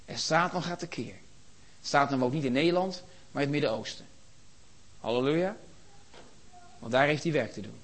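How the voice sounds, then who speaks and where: A man preaching a sermon in a church, impassioned, building to shouts and rhetorical questions. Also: mid-range voice, normal speed, long pauses.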